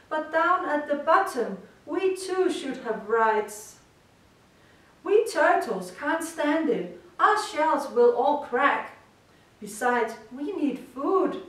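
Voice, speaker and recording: A woman's voice: high voice, animated, slow, pitched above the performer's own voice, exaggerated voice. A woman voicing a small, meek male turtle who pleads politely through pain. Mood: pleading. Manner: pleading, soft. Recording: echoey room from far off.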